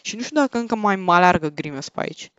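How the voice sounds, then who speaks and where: A young Romanian man giving excitable, slangy commentary while playing Minecraft, panicking and repeating no over and over. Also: sits high, smooth, no room sound. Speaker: Minecraft gaming YouTuber. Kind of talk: casual gameplay commentary. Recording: dull lo-fi home mic.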